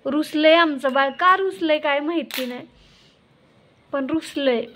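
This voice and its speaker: High-pitched woman coaxing in baby talk. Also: unhurried, pushed and bright, slight background noise. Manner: sing-song coaxing, repeating questions. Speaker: vlogger.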